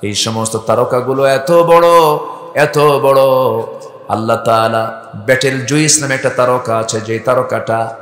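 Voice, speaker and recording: A man's voice: medium pitch, normal speed, fairly bright tone, faint music behind. Bangladeshi man preaching over an echoing PA. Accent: Bangladeshi Bengali. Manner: calls out questions to the crowd and leads them in reciting. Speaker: Islamic preacher. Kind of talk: open-air sermon with chanted recitation. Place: outdoor school field gathering. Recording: echoey open-air PA sound.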